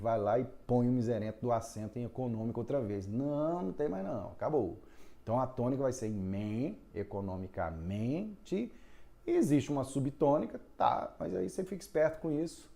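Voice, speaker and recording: Gravelly lively male teacher. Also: mid-range voice. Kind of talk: recorded grammar lesson.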